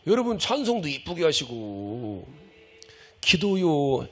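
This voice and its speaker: A man's voice: a little high, big pitch swings, slow, breathy edge. A middle-aged male pastor preaching a sermon, folksy and impassioned, scolding the congregation and acting out pleading prayers.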